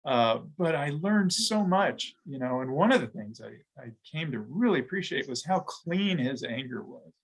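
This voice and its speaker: A middle-aged man, a guest in an interview, talking reflectively with frequent pauses, fillers and restarts. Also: fairly high pitch, expressive, husky, poor audio. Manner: halting, thoughtful, many restarts and fillers. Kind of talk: reflective conversation.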